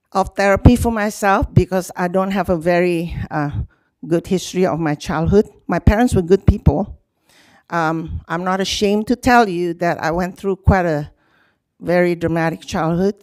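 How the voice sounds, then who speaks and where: An older woman, addresses a public meeting in an animated, talkative way. Her voice sits at an ordinary pitch. The sound is dry and close. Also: dry recording. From Hong Kong, grew up in Indonesia. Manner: animated, talkative, frequent laughs. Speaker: nonprofit youth program leader. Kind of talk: speaking at a public city meeting.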